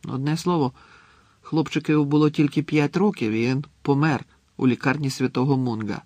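A man voicing a clever, bossy schoolgirl in an audiobook, speaking eagerly and insistently with a gravelly, husky voice. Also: a little high, fairly even intonation, normal speed, a little mellow, dry recording, natural voice. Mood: explaining. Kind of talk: audiobook character reading.

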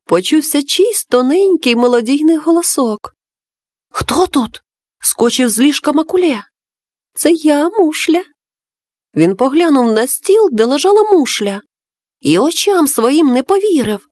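Tender, high-voiced woman telling a bedtime story. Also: very animated, normal speed, no echo, studio quality. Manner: soft, tender, addresses listener as child.

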